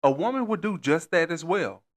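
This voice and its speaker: A man's voice: fairly high pitch, lively intonation, moderate pace. A man co-hosting a casual chat, agreeing firmly and stressing his opinions. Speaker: co-host.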